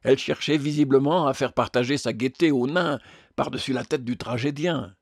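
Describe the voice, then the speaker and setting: A man narrating a novel aloud in a measured, even storytelling manner, close to the mic. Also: medium pitch, dry recording. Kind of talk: audiobook reading.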